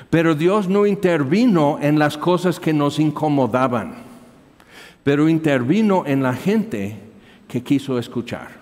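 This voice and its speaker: A man's voice: a little high, a little mellow. A man, preaching as a missionary and animatedly telling a story from his work. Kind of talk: storytelling sermon. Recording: reverberant hall.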